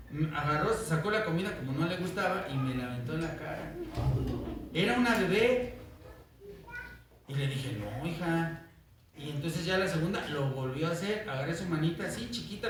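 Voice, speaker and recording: Pastor preaching in an echoey church. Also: male voice, a little high, distant mic, slight background noise. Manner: animated storytelling, acts out quoted voices, asks "¿verdad?" often. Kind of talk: sermon.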